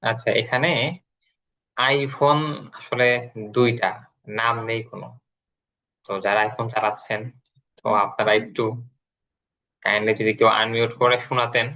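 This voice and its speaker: A man teaching an online English class, explaining slowly and repeating words as he goes. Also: mid-range voice, level tone, sharp tone, low-quality recording.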